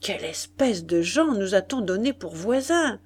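A woman's voice: medium pitch, sing-song, a little slow, husky. A woman reading aloud, voicing a spoiled, capricious young noblewoman who complains in a raised voice. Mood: complaining.

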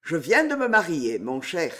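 A man's voice: a little high, wildly swooping pitch, measured pace, pushed and bright, full character voice. A man reading aloud, voicing a scheming nobleman who speaks in firm, emphatic declarations. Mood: commanding. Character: commanding scheming nobleman, cool and insistent.

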